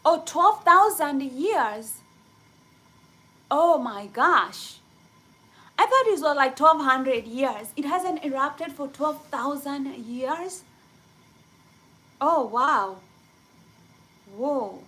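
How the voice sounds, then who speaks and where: Young kenyan woman rambling on a live chat, kinda high voice, slow, lots of "like". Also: poor audio. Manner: rambling, many "like" fillers, excitable. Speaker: livestreamer chatting with viewers.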